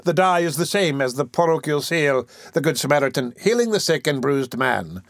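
A man's voice: a little high, lively intonation, moderate pace, a bit bright, no room sound, studio quality, voice pushed up. A man doing a pompous, blustering beadle. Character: pompous, self-important male parish beadle, middle-aged. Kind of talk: audiobook character reading.

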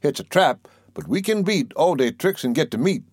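A man's voice: on the high side, animated, moderate pace, no room sound, clean studio sound, voice pushed up. A man putting on a sly little weasel. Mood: scheming. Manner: crafty, persuasive, sly. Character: small, sly male weasel schemer.

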